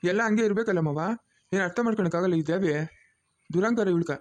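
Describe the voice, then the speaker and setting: A man's voice: high-pitched, quick pace. A man with a rural Chikkaballapur Kannada accent, playing a blunt villager who keeps scolding. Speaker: son-in-law in a family drama. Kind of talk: village web-series acting.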